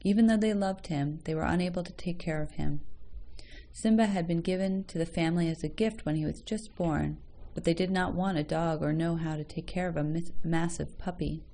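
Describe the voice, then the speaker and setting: A woman reading a children's story aloud in a gentle, measured way. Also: on the low side, a little hiss or hum. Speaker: story reader.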